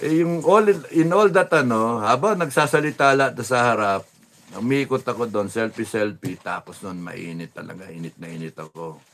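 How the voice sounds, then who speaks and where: Recounting a rally, a man shares a casual anecdote at normal speed. He's lively, laughs often, occasionally drops to a soft, low mumble, and performs the voices of those he's quoting.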